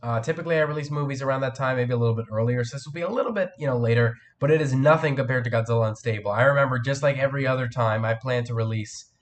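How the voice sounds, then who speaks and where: A man's voice: medium pitch, very fast, hardly any pauses. A teenage boy with a cold, hosting a live stream and chatting casually with viewers, rambling with many fillers and restarts. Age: teens. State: has a cold, voice cracks.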